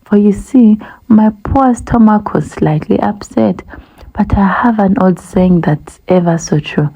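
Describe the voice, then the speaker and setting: A woman's voice: medium pitch, measured pace, vocal fry, mellow, slightly rough, rough recording. A woman reading as a crafty, creepy old crocodile. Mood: sly. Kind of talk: storybook read-aloud.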